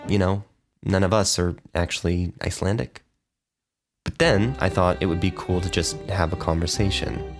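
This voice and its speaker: Deep-voiced easygoing podcast host. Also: male voice. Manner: easygoing, conversational. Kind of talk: scripted intro narration then casual interview.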